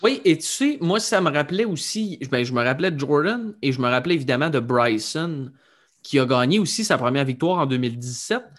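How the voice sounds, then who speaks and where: A man's voice: on the high side, lively intonation, a little fast, fairly bright tone. A man with a Québécois accent co-hosting a golf podcast in a casual, chatty style. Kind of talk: casual sports chat.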